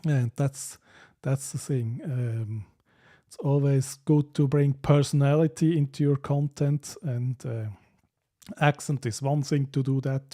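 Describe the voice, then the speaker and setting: Slightly slow and fairly even in intonation, the host's mellow, mid-range voice carries a Swiss accent. He's from Switzerland and reads out viewer comments on a casual live stream, often laughing between hesitant sentences full of fillers.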